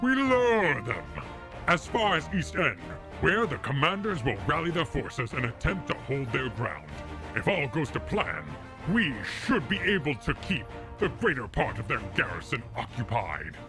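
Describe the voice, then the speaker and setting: A man's voice: mid-range voice, sing-song, a little slow, music in the background. A man reading a bold male military leader's lines aloud through a voice changer, in a commanding, theatrical manner. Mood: scheming. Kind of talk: reading game dialogue aloud with friend.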